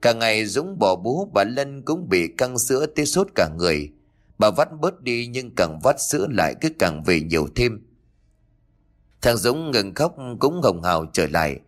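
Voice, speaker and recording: A man narrating a ghost story expressively. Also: on the low side.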